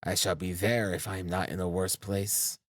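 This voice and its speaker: A man's voice: low-pitched, little pitch movement, moderate pace, dry recording, studio quality. A man reading the lines of a feverish, irritable young man who speaks curtly and insistently. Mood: sullen. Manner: insistent, curt.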